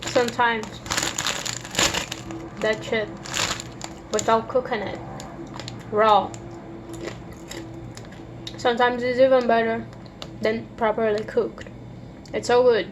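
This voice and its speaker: Brazilian-accented woman, fairly high voice, rambling vlog talk, eating noodles in her old bedroom. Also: level tone, slow, pauses often, noisy background. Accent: Brazilian Portuguese. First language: Portuguese. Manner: chatty, rambling, eating while talking. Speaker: vlogger. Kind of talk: casual chat to camera. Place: childhood bedroom at her parents' home.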